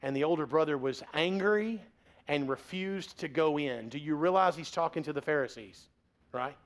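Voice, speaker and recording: A man's voice: on the high side, normal speed. A man in his forties preaching a sermon as pastor, in a conversational, joking way.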